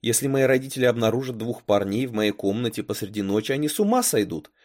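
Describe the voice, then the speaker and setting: A man voicing a defiant teenage girl with secret powers, indignant and sharp in a storybook reading. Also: mid-range voice, animated, fast talker, close to an everyday voice.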